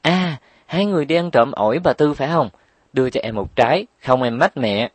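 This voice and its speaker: A man's voice: mid-range voice, expressive, normal speed, a little mellow, no echo, pitched above the performer's own voice, natural voice. A man voicing a little sister who cries, tattles and begs for her share. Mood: whiny. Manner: crying, pleading, tattling. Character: tearful, greedy little sister.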